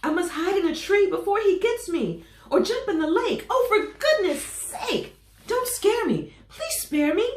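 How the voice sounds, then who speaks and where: A woman voicing a huge, easily frightened male elephant in a squealing high voice, reading a storybook aloud. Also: sing-song, extremely slow, pauses often, mellow, full character voice. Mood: frantic. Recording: roomy echo, faint noise.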